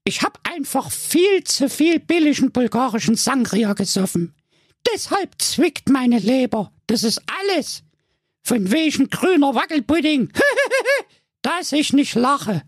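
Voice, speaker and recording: Comic audio story: man doing a very high, cackling, scoffing old granny. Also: lively intonation, unhurried, slightly rough, no echo, studio quality, exaggerated voice. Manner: shrill, cackling and dismissive. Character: tipsy, scoffing old grandmother.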